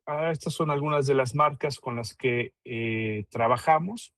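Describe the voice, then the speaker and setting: Male consultant, mid-pitched, dry audio, stop-start business presentation. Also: a bit bright, dry recording. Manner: halting, many fillers and repeated words. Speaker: IT consultant presenting his company. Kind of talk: webinar presentation.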